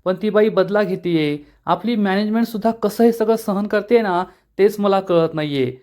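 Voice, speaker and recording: A man's voice: sits high, normal speed, darkish tone, voice pushed up, lightly acted. A man voicing a young woman doctor who pleads her case, in a slightly raised voice. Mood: pleading.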